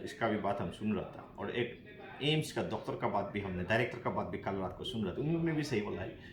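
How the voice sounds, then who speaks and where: A man, a police officer giving earnest, halting answers in an interview. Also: medium pitch. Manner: earnest, halting, many restarts, mixes English phrases. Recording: echoey, crowd noise behind.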